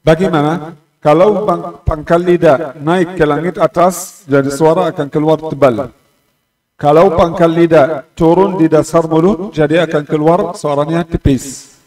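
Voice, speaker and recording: Slow, patient male tajwid teacher. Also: fairly high pitch, steady tone, a little mellow. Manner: slow and patient, repeating letters and syllables to demonstrate pronunciation. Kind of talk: Quran recitation lesson. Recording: roomy echo, distant mic.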